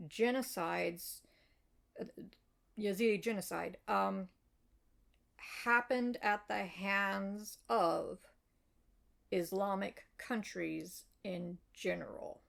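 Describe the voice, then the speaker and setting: An American woman, an author, calmly replies to a reader's comment in a measured, explanatory way with frequent fillers. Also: medium pitch, creaky. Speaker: web fiction author. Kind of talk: reply video addressing a reader's comment.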